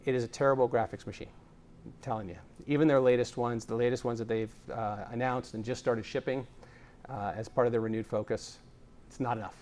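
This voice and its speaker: Speaking a little fast in a medium-pitched, somewhat mellow voice with fairly even intonation, a man delivers a tech conference talk on video production. He explains with enthusiasm from the stage, peppering his speech with fillers.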